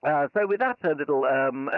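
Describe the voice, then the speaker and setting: In a fairly high, animated voice at normal speed, with no room sound, a ham operator makes live contacts from a convention special event station. He handles call signs and signal reports with polite, procedural patter. The audio comes across as slightly muffled and dull.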